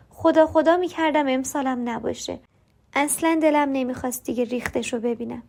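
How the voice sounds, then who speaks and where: High-voiced woman telling a personal story. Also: darkish tone. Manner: confiding, voices other characters in dialogue. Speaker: narrator.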